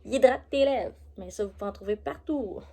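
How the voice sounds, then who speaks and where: A woman's voice: medium pitch, a little fast, vocal fry, warm tone. A woman with a Québécois French accent, chatting casually through a beauty product review with lots of fillers. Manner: chatty, loose, full of fillers. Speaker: beauty vlogger.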